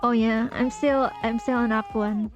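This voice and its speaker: A woman's voice: fairly high pitch, steady tone, unhurried, dull audio, faint music behind. A woman streaming a video game, chatting casually and giggling while she talks to her viewers. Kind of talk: casual livestream commentary.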